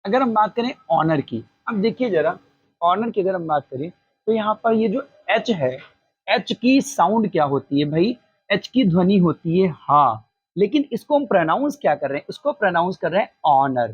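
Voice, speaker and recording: A husky, breathy teacher walks through a grammar lesson, posing a question and then answering it, and sometimes dropping in short English phrases. The voice is close and dry, with a slightly dull, lo-fi sound. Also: medium pitch, sing-song, dry recording. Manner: repeats key phrases slowly.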